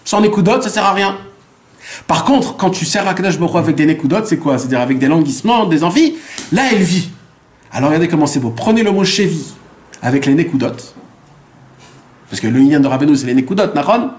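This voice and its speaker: A rabbi with a high-pitched male voice gives a Torah class. He keeps asking rhetorical questions and answering them, repeating phrases to drive each point home and weaving Hebrew terms into his teaching. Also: lively intonation, quick pace, a little mellow, a little hiss or hum.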